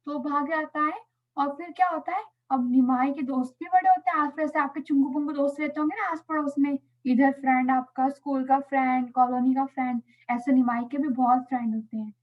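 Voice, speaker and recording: A woman telling a story to children in an animated, playful way, adding sound effects. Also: sits high, a little fast. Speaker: Sunday school storyteller. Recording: tinny phone-like audio.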